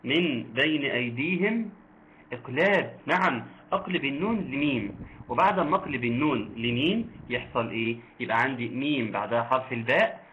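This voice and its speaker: A man with an Egyptian accent teaching Quran recitation, quizzing listeners and slowly chanting verses. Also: mid-range voice, fairly bright tone. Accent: Egyptian Arabic. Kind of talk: online tajweed lesson. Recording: tinny phone-like line with faint noise.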